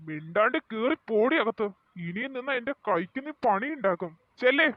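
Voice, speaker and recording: A man's voice: high voice, expressive, a little fast, no echo. A man playing an angry, strict middle-aged father who scolds harshly. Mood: furious. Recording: dry tinny lo-fi sound.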